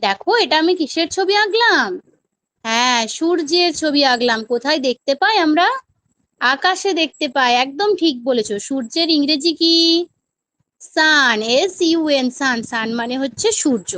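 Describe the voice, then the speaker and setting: High-voiced woman teaching a class. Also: expressive, moderate pace, fairly bright tone, no echo. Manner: patient, asks questions and answers them herself. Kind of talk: demo classroom lesson.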